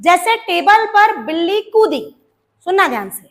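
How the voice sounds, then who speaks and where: A woman's voice: very high voice, sing-song, fairly bright tone. A woman with an Indian accent teaching English grammar to exam students, calling them beta and drilling answers with questions. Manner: slows down and stretches out example sentences.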